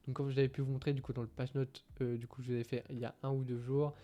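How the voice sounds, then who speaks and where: In a muffled recording, a gaming streamer talks very fast in a level, dark, medium-pitched voice. He reads translated game patch notes casually and hesitantly, full of fillers, and confesses English is not his strong point.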